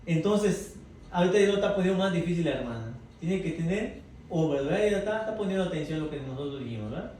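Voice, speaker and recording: Brief: warm, slightly high male Bible teacher, conversational, heard from far off in a roomy hall with faint noise. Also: lively intonation, fast. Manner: asks the group questions, tags lines with "verdad?". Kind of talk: interactive Bible class.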